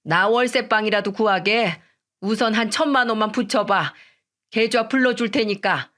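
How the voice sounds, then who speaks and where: A woman's voice: mid-range voice, normal speed, a bit bright, natural voice. A woman voicing a rude, greedy older mother-in-law who scolds and bosses in a coarse way, in a read-aloud story. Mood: scolding. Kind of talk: storytelling radio drama reading.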